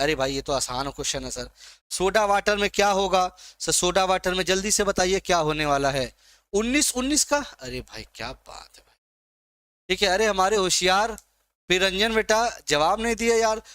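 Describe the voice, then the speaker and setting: A man with a high, bright voice runs a live online exam-prep class. He coaxes and teases his students by name as he quizzes them, and the sound is close and dry. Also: clean tone, no room sound. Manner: coaxing, teasing students by name. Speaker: teacher.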